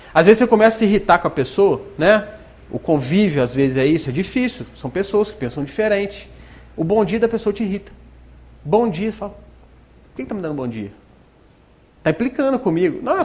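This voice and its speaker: Animated spiritist lecturer, lively high voice. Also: male voice. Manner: conversational, full of rhetorical questions; acts out quoted voices. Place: spiritist center hall.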